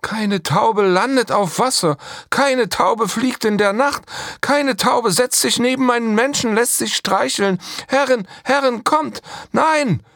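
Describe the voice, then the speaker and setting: Man doing a panicked young slave girl, high and piercing, loud, desperate pleading, storybook tale. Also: takes it slowly, hardly any pauses, dry recording, clean studio sound, exaggerated voice. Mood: frantic pleading. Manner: shrill, frantic pleading cries.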